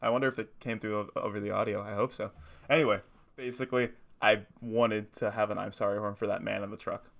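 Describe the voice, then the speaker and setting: A man's voice: fairly low pitch, steady tone, quick pace, creaky, a bit bright. A man co-hosting a podcast, chatting casually and rambling with frequent laughs. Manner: rambling, laughs often, playful. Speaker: podcast co-host. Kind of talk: casual chat.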